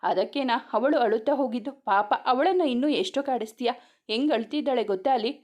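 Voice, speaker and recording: A woman's voice: on the high side, a little mellow, natural voice. A woman voicing a joking young male friend who mocks his buddy in a storybook reading. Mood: mocking. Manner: mocking, brisk.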